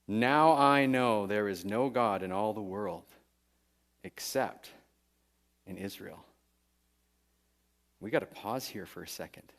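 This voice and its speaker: Male pastor giving a sermon, animated up-and-down delivery, keeps asking right?. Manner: animated, conversational preaching with frequent "right?" asides; acts out the story's figures with raised pitch.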